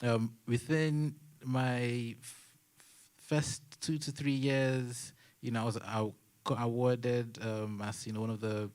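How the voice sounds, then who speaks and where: A man's voice: medium pitch, level tone, slow pace, darkish tone. A man, a panelist telling his career story in a chatty way with self-mocking asides. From Nigeria. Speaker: panelist, technology consultant. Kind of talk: panel testimony at a church young adults session.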